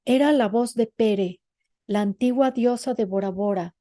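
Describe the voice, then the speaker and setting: A woman voicing an elderly female seer who talks with urgent, hushed certainty. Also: fairly high pitch, a little slow, no echo, clean studio sound, lightly acted. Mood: solemn.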